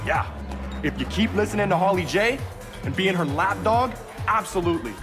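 A jealous, controlling young man in a television drama. His delivery is sardonic and confrontational, with very animated intonation. Music plays behind him. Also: high voice, normal speed. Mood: taunting. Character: sullen, controlling young boyfriend, jealous and taunting.

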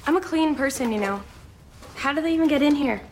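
A young woman playing a fastidious, indignant character in a TV drama, exasperated and clipped. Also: high voice, animated, slight background noise. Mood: dismayed. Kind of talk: television drama acting.

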